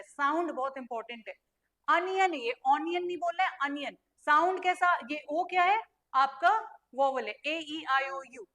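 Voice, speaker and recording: A young woman teaching an online grammar lesson. She asks her students questions and answers them herself, and she spells letters out slowly. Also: sits high, bright, forceful tone.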